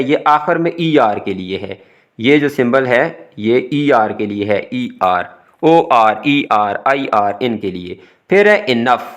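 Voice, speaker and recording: A man with a Pakistani Urdu accent teaching a recorded exam-prep English lesson, patiently explaining each word step by step. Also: mid-range voice.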